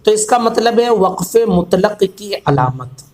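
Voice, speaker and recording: A man gives a calm religious lesson, going over each point slowly and repeating it with simple everyday examples. His voice sits notably high for a man, and he keeps an unhurried teaching tone throughout.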